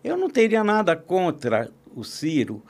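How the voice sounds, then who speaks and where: A man's voice: high voice, huge pitch swings, moderate pace. A man, a podcast guest who talks politics in a casual, opinionated way, often restarting his sentences. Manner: talkative, opinionated, frequent restarts and fillers. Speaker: podcast guest, columnist and agribusiness consultant.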